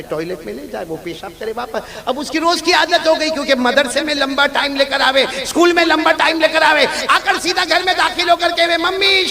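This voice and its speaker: A man's voice: very high-pitched, creaky, pushed and bright. A man preaching a sermon, telling a story and then leading a gathering in call-and-response chants. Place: before a live gathering. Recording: crowd audible behind.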